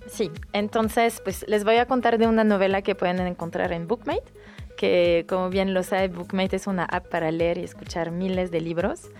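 A native French speaker with a French accent recommends a novel as a guest in a casual interview. She's hesitant, restarting her words often and using lots of fillers. Her medium-pitched voice is level and darkish, at normal speed, with faint music in the background.

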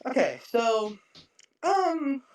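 A man's voice: extremely high pitch, huge pitch swings, drawn-out words, distant mic. A man hosting a casual podcast, asking questions in a rambling, crude joking manner.

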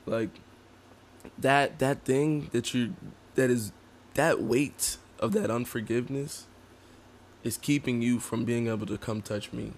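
A man co-hosting a faith podcast, explaining in a relaxed way and often chiming in with agreement. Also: mid-range voice, unhurried, long pauses, a little hiss or hum. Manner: affirming, chimes in with agreement. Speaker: podcast co-host.

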